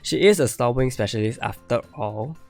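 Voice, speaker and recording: A mid-range male voice with vocal fry and a darkish tone, delivered at normal speed over faint music. The man is streaming a game and reviewing viewer accounts, repeating himself and thinking aloud as he begins losing his voice. The talk is casual live-stream commentary.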